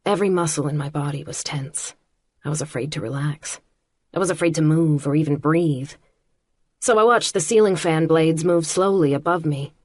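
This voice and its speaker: Low, husky woman narrating. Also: no echo. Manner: measured, quietly intimate reading. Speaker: audiobook narrator. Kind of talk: first-person audiobook narration.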